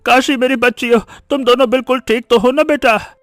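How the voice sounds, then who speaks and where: A man's voice: extremely high pitch, fairly even intonation, a little fast, a bit bright. An actor playing a loving older village father checking on his daughters tenderly. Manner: tender, worried.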